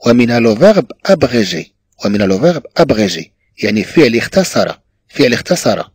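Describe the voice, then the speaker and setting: A man from Morocco with a Moroccan Arabic accent, teaching a lesson and repeating each phrase slowly while switching between Arabic and French. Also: medium pitch, very animated, slightly rough. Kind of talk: classroom lesson on French dictionary use.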